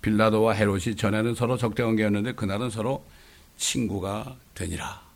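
A middle-aged male pastor preaching a sermon, animated, often tossing "eh?" to the congregation. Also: lowish voice, a little fast. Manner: animated, rhetorical questions, frequent "eh?" asides.

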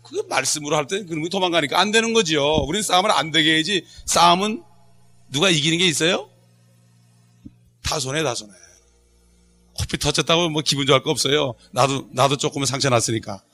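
Quizzing his congregation and sharing jokes and laughs with them, a middle-aged pastor delivers a call-and-response Bible study sermon. He speaks fairly quickly in a fairly high voice that sounds pushed and bright.

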